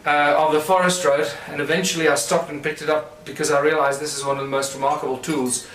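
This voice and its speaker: A man's voice: on the high side, level tone, fast, a bit bright, echoey room, rough recording. A man giving a lecture with a hands-on demonstration, explaining in a loose, rambling way with fillers and restarts.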